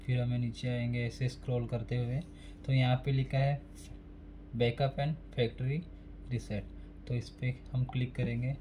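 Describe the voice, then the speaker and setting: A man with a mid-range, warm voice walks through a phone repair step by step while working at a desk, speaking plainly and repeating each step. His delivery is flat and measured, casual and instructional, with slight background noise.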